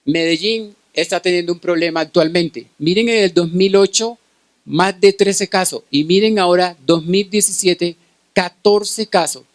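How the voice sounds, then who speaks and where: Lecturing at a medical conference, this middle-aged man with a Colombian Caribbean accent from Cartagena speaks in a high-pitched, unhurried voice with no echo. He is a specialist in pediatric infectious diseases and frequently adds short tag questions to check in with listeners.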